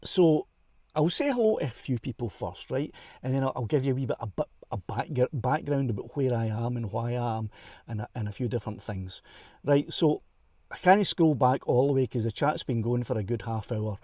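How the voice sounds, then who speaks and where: A Scottish man chats his way through a live stream from inside a car, talking into a clip-on mic. His voice is warm and mellow, recorded close and dry. He rambles in a friendly, self-mocking way and laughs often. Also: medium pitch, expressive, normal speed, dry recording. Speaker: livestream host. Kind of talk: casual live-stream chat. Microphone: clip-on wireless mic.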